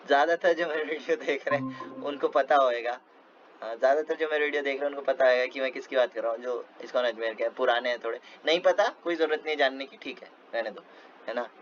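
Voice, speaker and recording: A man gives a casual devotional talk, telling stories full of fillers and little laughs. He speaks briskly at a medium pitch, and the recording is dull and lo-fi with faint noise.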